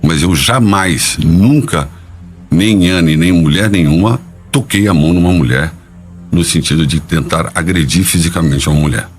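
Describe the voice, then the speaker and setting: A man's voice: low voice, normal speed, faint music behind. A man answering interview questions defensively, hesitant and stumbling as he repeats words.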